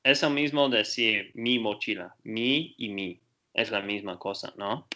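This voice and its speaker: A man's voice: fairly low pitch, unhurried, pushed and bright, dull audio. A man learning Spanish on a video call, reading aloud carefully and asking his tutor questions.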